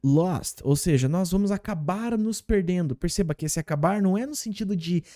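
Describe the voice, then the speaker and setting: Mellow Brazilian teacher, slow drilled phrases. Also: male voice, high-pitched, no room sound, clean studio sound. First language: Portuguese. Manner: patient, repeats example phrases slowly. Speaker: English teacher. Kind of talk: language lesson explaining game clips.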